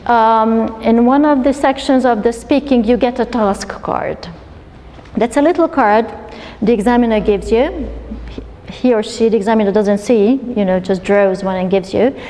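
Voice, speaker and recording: This educational consultant, a woman, speaks at a moderate pace with a fairly high but dark-toned voice. She explains a coursebook to teachers in a university lecture hall, often restarting and using fillers, and the hall adds a long reverb.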